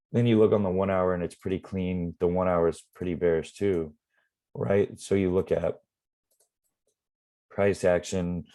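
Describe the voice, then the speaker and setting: Low, dark-voiced man explaining trades. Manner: relaxed, rambling, many fillers. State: losing his voice. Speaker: forex trading mentor. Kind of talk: casual live trading explanation.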